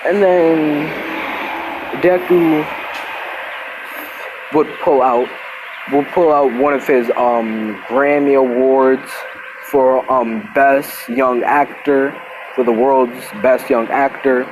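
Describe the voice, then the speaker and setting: A man's voice: mid-range voice, fairly even intonation, slow, long pauses. A young man narrates a fan-made story in a loose, rambling way, stopping to correct himself. His voice sits in an ordinary middle range. A faint hiss of background noise runs under the recording. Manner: rambling retelling with restarts, voicing characters lightly.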